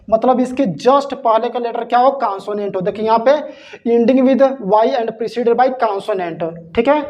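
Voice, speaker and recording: With an extremely high pitch and lo-fi sound, a man runs a classroom-style English grammar lesson. Along the way he asks rhetorical questions and spells words out letter by letter.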